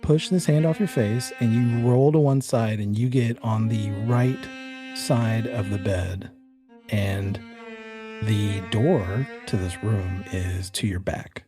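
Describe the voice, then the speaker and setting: Speaking slowly in a lowish voice over music, a man narrates a horror tabletop session as game master. He addresses the player directly and conversationally, describing what "you" see, and switches between tense storytelling and easygoing rules chat.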